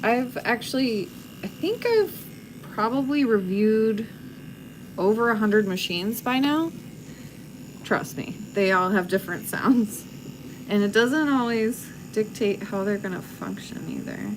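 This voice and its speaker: A woman's voice: on the high side, lively intonation, a little slow, noisy background. A woman tattoo artist hosting a casual livestream chat while she works, speaking frankly and laughing easily. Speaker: tattoo artist and channel host.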